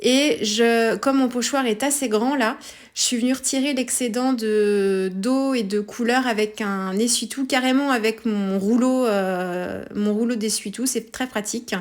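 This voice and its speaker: A French-accented woman narrates her craft tutorial in a relaxed, chatty voice. She often pauses on fillers and corrects herself mid-sentence. Her voice sits a little high for a woman. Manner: hesitant, many fillers and self-corrections. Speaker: scrapbooking tutorial host. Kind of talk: casual craft tutorial voice-over.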